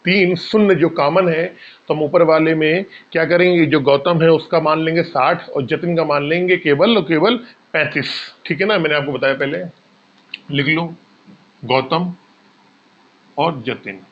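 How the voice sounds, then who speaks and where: A male maths teacher works through exam problems step by step in an exam-prep lesson, posing questions and answering them himself and calling his students bhaiya. His voice is on the high side and unhurried, and the audio sounds dull.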